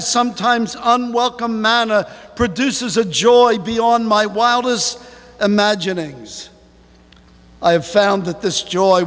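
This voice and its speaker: A man preaching a sermon as pastor, slow and emphatic, with sudden rises in pitch. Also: a bit bright, long reverb tail. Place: church sanctuary.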